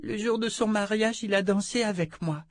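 A tearful little girl from a storybook, high and fragile, as a man reading aloud puts her on. She sounds plaintive and hurt, clinging to comfort. The recording is close and dry with no room around it. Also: normal speed, no echo.

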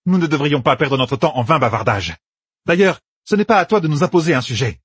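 A man voicing a furious, tyrannical older woman ruler in an audiobook, haughty and shouting. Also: a little high, very animated, brisk, husky, no echo, pitched above the performer's own voice.

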